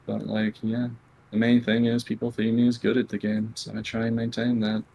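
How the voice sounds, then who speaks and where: A man being interviewed as a competitive gamer, speaking bluntly and earnestly with halting restarts. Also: on the low side, completely flat delivery, creaky, husky, rough recording. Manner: quiet, near whispering at times. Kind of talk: candid conversational interview.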